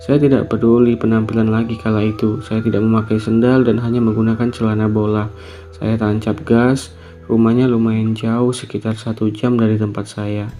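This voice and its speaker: A man narrates a horror tale in a low, mellow voice that rarely rises or falls. His delivery is calm, subdued and reflective. Gentle guitar plays faintly underneath him. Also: normal speed. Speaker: storyteller. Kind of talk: narrating a true horror story.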